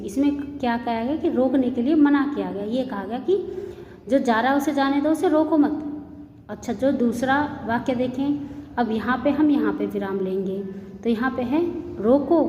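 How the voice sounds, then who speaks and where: A woman's voice: a little high, mellow. Patient woman teaching grammar, echoey room. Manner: patient, explains step by step and reads examples slowly. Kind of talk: classroom lesson. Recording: muffled echoey room with long reverb, faint hiss.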